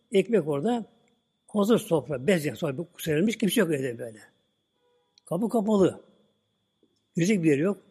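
A male preacher retelling a story at a relaxed pace and tagging lines with the same filler word as he goes. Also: fairly high pitch, breathy edge. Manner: relaxed retelling, "böyle" at line ends. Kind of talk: religious talk with storytelling. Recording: long hall reverb.

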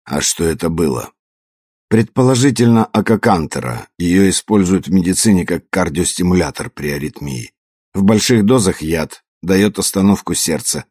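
A man voicing a calm male contact on an emergency line in an audiobook, giving brisk instructions. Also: low-pitched, breathy edge, no room sound, clean studio sound, heavily acted.

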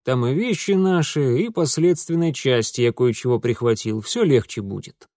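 A man's voice: medium pitch, lively intonation, normal speed, darkish tone, dry recording, clean studio sound, close to an everyday voice. A man voicing a shrewd, wry middle-aged detective father. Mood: businesslike. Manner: wry, businesslike.

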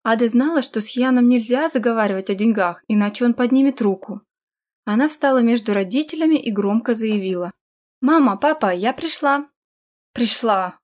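A woman reading a fantasy audiobook in steady, scripted storytelling narration. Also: on the high side, a little fast.

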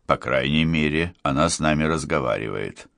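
A worried middle-aged divorced father, tense and urgent, as a male reader voices him. His voice is deep and close to the reader's own. The recording is dry and close. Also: animated, normal speed, gravelly, a bit bright, dry recording, exaggerated voice.

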